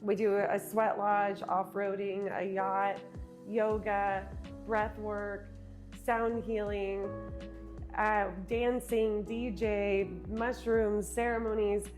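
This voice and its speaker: A woman speaking as an interview guest, reflecting earnestly on her work as a speaker and retreat host, sometimes speeding up and sometimes slowing down. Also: mid-range voice, flat delivery, a little mellow, faint music behind. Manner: earnest, with quick and slow stretches, laughs easily.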